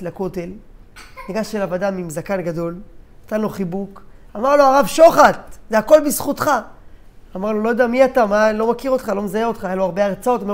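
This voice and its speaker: A man giving a Torah lesson as a story, who raises his voice for quoted characters and drops low for solemn moments, with frequent hesitation fillers. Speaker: Torah teacher.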